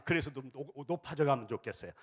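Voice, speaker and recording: A man preaching a revival sermon as pastor, with a Jeolla accent, shouting chants for the congregation to repeat and then dropping into chatty storytelling. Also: medium pitch, animated, fast talker, husky. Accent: Jeolla Korean. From Jeolla, South Korea. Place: church sanctuary.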